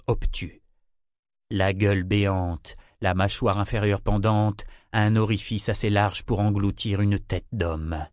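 A man narrating a fantasy audiobook in a measured, dramatic storytelling manner. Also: lowish voice, a little mellow, dry recording, clean studio sound.

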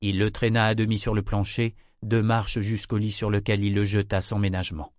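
A man narrating a novel in an even storytelling delivery. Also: on the low side, a little fast, dry recording, studio quality. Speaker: audiobook narrator.

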